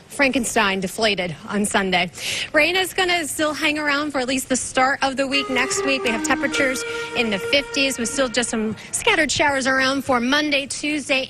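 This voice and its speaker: A woman's voice: fairly high pitch, pushed and bright, a little hiss or hum, low-quality recording. A woman giving a live morning weather report outdoors at a school event, bubbly and chatty.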